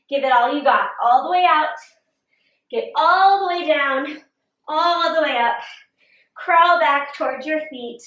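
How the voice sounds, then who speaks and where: Woman fitness coach, winded, high voice, slow steady cues, recorded from a distance. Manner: coaching, encouraging, breathy exclamations between cues. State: out of breath. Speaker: fitness instructor. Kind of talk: workout video instruction. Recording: roomy echo, distant mic.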